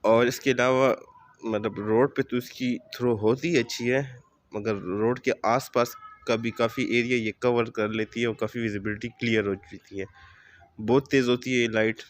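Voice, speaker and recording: A man with a sore throat explaining car modifications in a casual video, speaking in a measured, advising way with frequent fillers. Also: mid-range voice, fairly even intonation. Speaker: car vlogger. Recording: faint background noise.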